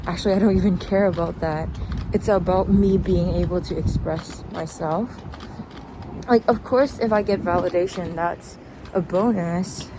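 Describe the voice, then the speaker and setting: Out on a traffic-filled street, a young adult vlogger walks and talks in a chatty, reflective monologue that wanders. She speaks at a moderate pace in a lowish voice.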